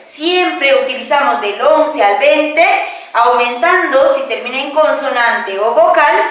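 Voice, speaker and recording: A woman with a high voice teaches a class, speaking very slowly and stretching out each word. She patiently asks questions and answers them herself. Her voice rings through an echoey room, picked up from some distance away. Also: a bit bright. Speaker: Quechua teacher. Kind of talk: classroom-style language lesson, question and answer.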